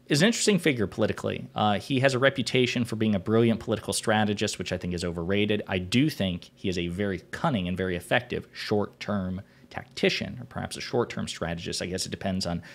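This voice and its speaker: Low-voiced man delivering opinionated political commentary. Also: creaky. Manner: opinionated, deliberate, wordy with formal vocabulary. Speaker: political commentary show host.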